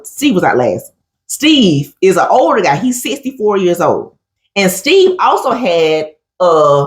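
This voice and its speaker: A woman's voice: fairly low pitch, reverberant. A woman chatting casually on a talk show, telling stories with lots of animation, acting out quotes and calling her listener "honey". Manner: animated storyteller who acts out quotes and keeps saying "honey". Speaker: co-host. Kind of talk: casual chat recapping a reality show.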